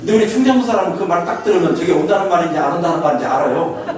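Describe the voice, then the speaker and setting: A man's voice: on the high side, animated, rapid-fire. A man from Korea's Chungcheong region preaching a sermon, telling folksy stories and often chuckling. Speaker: pastor. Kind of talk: sermon lecture. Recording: echoey hall, far from mic, faint hiss.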